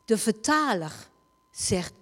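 Slow dramatic woman preaching in a reverberant hall. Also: medium pitch, sing-song. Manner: dramatic retelling, wide swings in loudness. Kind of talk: sermon storytelling.

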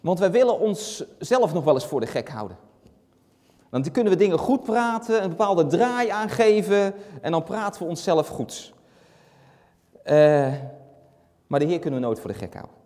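A man preaching a sermon and reading Bible verses, speaking earnestly and steadily with frequent pauses and fillers. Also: high voice, expressive, warm tone. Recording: long hall reverb.

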